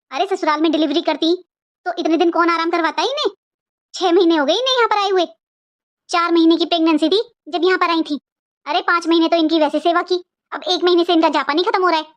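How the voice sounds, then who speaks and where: Casting: a woman as a taunting cartoon sister-in-law, very high and shrill, sharp-tongued. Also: fairly quick. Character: scheming bossy young sister-in-law. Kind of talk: cartoon voice acting.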